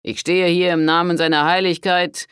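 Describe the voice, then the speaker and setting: A man voicing a pompous count who speaks slowly and formally in an audiobook. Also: fairly high pitch, flat delivery, fairly bright tone, clean tone, no room sound, clean studio sound, voice pushed up, lightly acted. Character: pompous male count in red armor.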